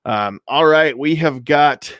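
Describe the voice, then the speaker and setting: A man's voice: on the high side, takes it slowly, fairly bright tone, no room sound. A man hosting a live podcast from a home studio, talking loosely with lots of fillers. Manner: loose and rambling, many fillers. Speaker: podcast host. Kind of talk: casual live-stream chat.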